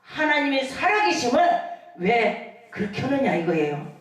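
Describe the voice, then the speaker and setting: High-voiced woman preaching in an echoey hall. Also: normal speed, far from the mic, noisy background. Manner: animated preaching with shouted hallelujahs and acted-out quotes. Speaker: pastor. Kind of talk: sermon. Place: church hall.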